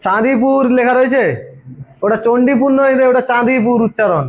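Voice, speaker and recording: A man's voice: very high-pitched, fairly quick. A man, peppering the room with questions and then answering them himself. The recording is dull and lo-fi. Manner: quizzes students constantly, answers his own questions. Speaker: exam coaching teacher. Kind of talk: informal classroom lecture.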